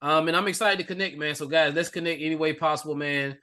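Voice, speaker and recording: Male attendee, quick and higher-voiced, eager self-introduction over a video call. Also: steady tone, sharp tone. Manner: eager, keeps adding "man". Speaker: attendee, real estate investor.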